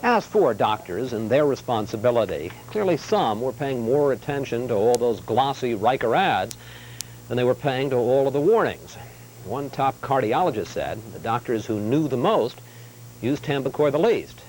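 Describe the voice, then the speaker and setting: A man's voice: mid-range voice, animated, moderate pace, a little mellow, slight background noise, low-quality recording. A male TV news correspondent rehearsing his piece to camera for a raw feed, repeating his lines and cursing at his own slips. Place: remote location.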